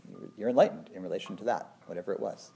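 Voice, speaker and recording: Mellow-voiced man musing conversationally. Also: low voice, racing, a little hiss or hum. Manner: thoughtful, meandering, peppered with "you know" and "like". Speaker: meditation teacher. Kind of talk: casual conversation.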